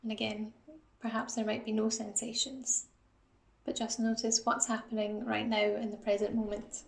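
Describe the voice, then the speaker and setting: Speaking at normal speed, a woman working as an assistant psychologist leads a guided body scan. Her voice is fairly high, with a flat, steady melody and a noticeable creak, and each instruction comes softly and calmly. The sound is reverberant.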